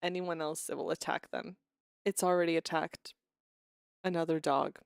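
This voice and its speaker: A woman's voice: sits low, steady tone, normal speed, gravelly, clean tone, no echo, studio quality. A woman streamer chatting casually with her viewers, rambling and restarting her sentences, a little unwell with a cough.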